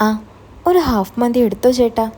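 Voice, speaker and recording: A woman's voice: on the high side, lively intonation, moderate pace, warm tone. A woman voicing a blunt, teasing young man who is the hero's old college friend.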